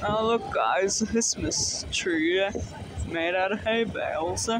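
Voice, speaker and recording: A man vlogging outdoors at night on a hay wagon ride, narrating in a dry, deadpan, mock-enthusiastic way into a phone camera. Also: high-pitched, takes it slowly. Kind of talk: casual sarcastic narration. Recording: vehicle noise outdoors.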